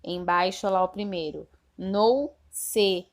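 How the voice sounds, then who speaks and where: Woman teacher, unhurried recorded lesson for young children, patient and repetitive. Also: mid-range voice. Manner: patient, repeats instructions with frequent checks; spells sounds slowly and clearly. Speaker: primary school teacher. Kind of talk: recorded remote class lesson.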